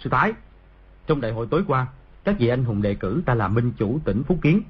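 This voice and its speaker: A man voicing a boastful, arrogant young nobleman in an audiobook, speaking loudly. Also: medium pitch, expressive, a little fast, husky. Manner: loud, bragging. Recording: dull lo-fi audio.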